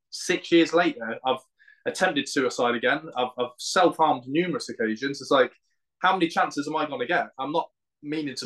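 A British man talks in an earnest, down-to-earth way, as a guest in a relaxed interview. His voice sits at a middle pitch and his wording is casual and colloquial. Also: rough recording. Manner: earnest, plain-spoken, colloquial. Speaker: podcast guest, founder of a men's mental health group.

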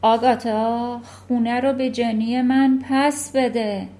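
A woman reading a storybook aloud, voicing the ghost of a dead man who speaks slowly and solemnly. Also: on the high side, fairly even intonation, dark tone, lightly acted.

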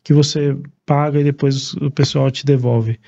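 A man from Paraguay, a Spanish speaker, chatting calmly and in a measured way as an interview guest. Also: mid-range voice, creaky, highs cut off. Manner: calm, measured speech. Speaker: podcast guest, neurosurgeon. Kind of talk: casual interview talk.

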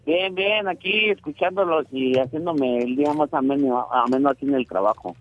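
A man with a Mexican accent calling in to a radio show over a landline phone, talking in a relaxed, hesitant way and searching for his words. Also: fairly high pitch, moderate pace, faint music behind. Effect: heard over a landline phone. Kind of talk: casual chat. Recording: tinny dry phone line.

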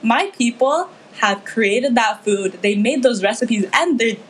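Her voice sits on the high side, animated and slightly rough, and she takes her time. She's a teenage girl from the Philippines, speaking earnestly and passionately in a casual discussion with many fillers.

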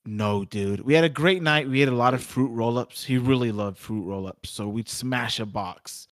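A man's voice: medium pitch, normal speed, dry recording, studio quality. A young man chatting casually, reacting and joking. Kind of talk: casual chat.

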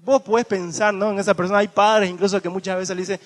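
High-voiced man preaching with animated swings. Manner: animated, acts out the thieves in slangy voices; reads scripture slowly and dropping low. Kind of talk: sermon.

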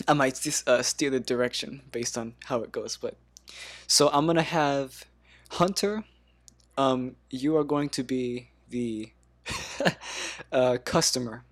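Halting man hosting a podcast game. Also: medium pitch. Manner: halting with many ums, laughs often. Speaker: podcast host.

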